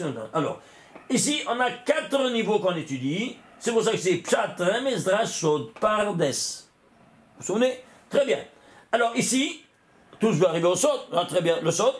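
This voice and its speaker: Rabbi teaching in an echoey room. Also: male voice, a little high, vocal fry. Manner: repeats phrases, asks and answers his own questions. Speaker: rabbi teaching a Torah class. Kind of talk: Kabbalah lesson with numerology. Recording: echoey room with faint ambient noise.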